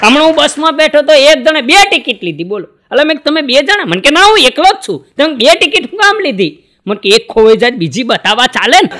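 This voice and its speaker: Comic, bright voice, acts out his characters, live show with a faint crowd. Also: very animated, quick pace. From Gujarat, India. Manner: folksy storytelling, acts out dialogue with shifting pitch. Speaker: stand-up comedian. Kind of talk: stage joke telling.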